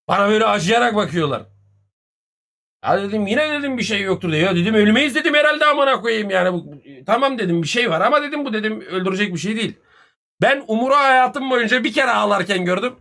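A man, telling a story casually on a live stream, animated and full of swearing and reported speech. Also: high-pitched. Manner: profane, animated retelling with much reported speech.

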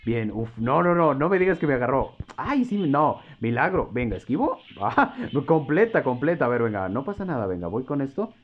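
A gameplay commentator calls his own mobile game match live, excitable, joking and swearing at his opponent. His voice is fairly high-pitched and the sound is lo-fi.

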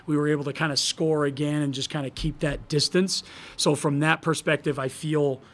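Thirties man, head coach at a press table; higher-pitched voice, candid, thinks out loud with fillers and restarts. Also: fairly even intonation, normal speed. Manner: gestures broadly while talking. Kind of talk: post-game press conference answers. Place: press room in front of a logo backdrop. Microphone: table microphone.

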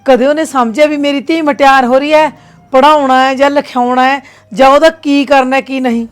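A woman's voice: sits high, steady tone, brisk, soft background music, close to an everyday voice. An actress with a Punjabi accent playing a mother who speaks scornfully of her husband and scolds her daughter. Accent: Punjabi (Malwa). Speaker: actor in a short film.

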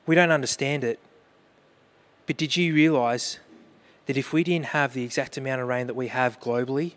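A man's voice: medium pitch, fairly even intonation, normal speed, fairly bright tone. A man preaching a sermon as pastor, earnest, mixing questions to the congregation with personal storytelling about grief.

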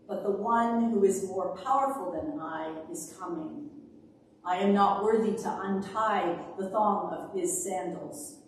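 A middle-aged woman minister reading scripture and preaching at a pulpit in a large church sanctuary, with measured, emphatic phrasing. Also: medium pitch, slight background noise. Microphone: far camera, speaking at a pulpit. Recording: echoey church from a distance.

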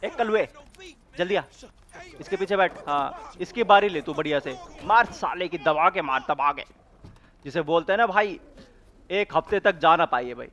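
A young man giving casual gameplay commentary at home, excitable and prone to shouty bursts, swearing playfully and calling everyone bro. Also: fairly high pitch, moderate pace. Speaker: gaming channel host. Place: home room with a cooler running.

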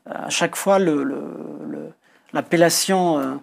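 Here a middle-aged Algerian man, a Kabyle speaker, speaks a little slowly in a gravelly, breathy voice on the high side. He's in an indoor television studio, explaining his views as an author in an interview, hesitating over repeated words and stressing key points.

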